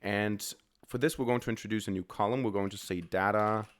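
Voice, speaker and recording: In a screen-recorded coding tutorial, a man with a cold explains each step as he types, his voice sounding a bit off. It's fairly low in pitch, brisk, and fairly even in intonation.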